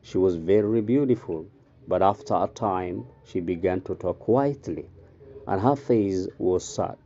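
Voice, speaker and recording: A man with a Somali accent, a native Somali speaker, who teaches English by reading a story aloud slowly and deliberately with line-by-line translation. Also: sits low, mellow, a little hiss or hum. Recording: slightly dull, lo-fi recording.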